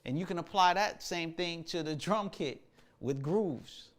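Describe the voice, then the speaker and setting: A man with a fairly high, unhurried voice hosts a casual livestream about music practice. As a musician and show host, he talks in a relaxed, slangy way, thinking aloud with lots of fillers.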